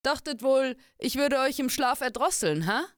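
A woman voicing a boisterous, brawny male warrior who teases loudly and boasts. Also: high voice, lively intonation, normal speed, dry recording, clean studio sound, pitched above the performer's own voice. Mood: mocking. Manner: loud, boastful, teasing.

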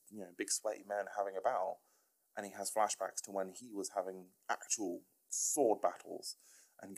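A man, rambling enthusiastically through a solo podcast, chuckling and swearing casually. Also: on the low side. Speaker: podcast host.

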